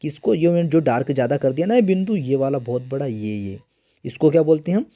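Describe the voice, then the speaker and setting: In an echoey room with guitar music behind him, a man runs a math exam-prep lesson in a fairly high, mellow voice. He talks fast and animatedly, asking his students questions, answering them himself, and repeating key terms over and over.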